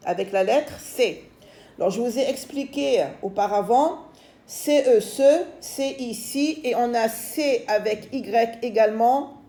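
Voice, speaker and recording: A woman's voice: fairly high pitch, warm tone, echoey room. A woman with a French accent, teaching a phonics lesson to young children, patiently repeating words and syllables.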